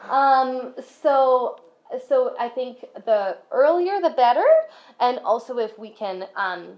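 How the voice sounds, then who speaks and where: A woman's voice: sits high, animated, slow pace. A woman from a school's language program talking casually to parents in a friendly, chatty way. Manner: friendly, chatty, many fillers. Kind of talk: casual presentation talk. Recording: dull lo-fi recording.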